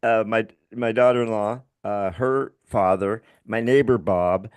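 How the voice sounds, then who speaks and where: A man's voice: on the low side, steady tone, unhurried, smooth, dry recording. A middle-aged man with a slight lisp, a podcast guest telling frank, self-deprecating stories in a conversational interview.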